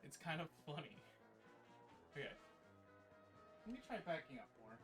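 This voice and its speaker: A man's voice: fairly high pitch, very animated, normal speed, over music. A man streaming live, chatting casually and counting his exercise reps aloud while catching his breath.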